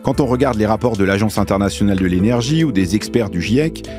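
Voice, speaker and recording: A man from Lebanon hosting a podcast, giving a measured scripted introduction before interviewing his guest. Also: lowish voice, over music. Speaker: podcast host.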